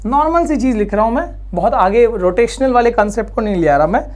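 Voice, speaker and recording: A man's voice: extremely high pitch, animated, fast, a little mellow. A male physics teacher from India giving a classroom lecture, chatty and coaxing, asking questions and answering them himself. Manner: coaxing, reassuring students.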